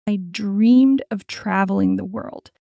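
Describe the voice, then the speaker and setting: Woman as a young storybook dreamer, slow and clear, slightly gravelly, dry close sound. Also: mid-range voice, dry recording, lo-fi sound. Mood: calm. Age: 20s. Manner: slow, clear, each sentence said twice. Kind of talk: scripted story for repeat-after practice.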